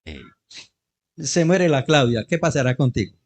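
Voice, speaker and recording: Speaking at a medium pitch in a sing-song, slightly slow manner, this middle-aged pastor with a Colombian Spanish accent delivers a sermon, sharing stories and joking with the people in the pews.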